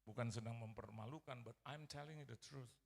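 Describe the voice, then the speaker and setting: A man's voice: medium pitch, brisk, creaky, a little mellow. A middle-aged male pastor preaching a sermon as a personal story, acting out quoted voices and mixing in English phrases. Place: large church hall. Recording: church hall reverb.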